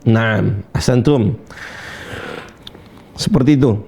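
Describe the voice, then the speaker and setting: In a creaky, mid-range voice, a male Quran teacher leads a call-and-repeat tajwid lesson. He recites verses slowly, demonstrates letter sounds, and offers gentle encouragement between counts.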